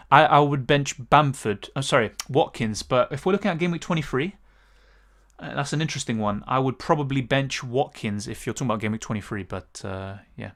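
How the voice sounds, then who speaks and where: A fantasy football streamer with a British accent chats on his livestream, answering viewer questions while thinking aloud, full of fillers and restarts. His voice is medium in pitch and a bit bright.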